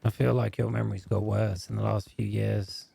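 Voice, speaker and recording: A man speaking in character in a roleplay game, calm, firm and matter-of-fact. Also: on the low side, moderate pace, gravelly, slightly rough. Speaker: roleplay gamer.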